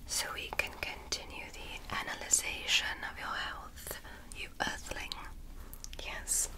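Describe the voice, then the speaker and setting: Whispering close and calm, a woman performs ASMR as a gentle alien medical examiner, each line deliberate and meant to reassure and soothe.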